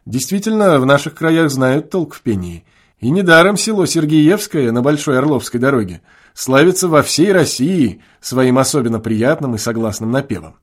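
A man reading classic prose aloud as an audiobook narrator, in an expressive, theatrical way. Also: mid-range voice, normal speed.

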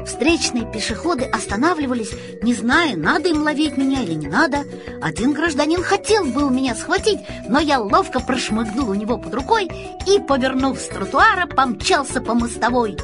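A woman narrating a story in an expressive reading voice. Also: high-pitched, normal speed, over music. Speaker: audiobook reader.

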